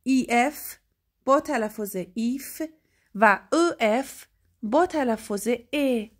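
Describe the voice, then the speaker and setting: A young woman teaching French pronunciation, spelling word endings letter by letter and then saying the sound. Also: fairly high pitch. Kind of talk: slow spelled-out pronunciation lesson.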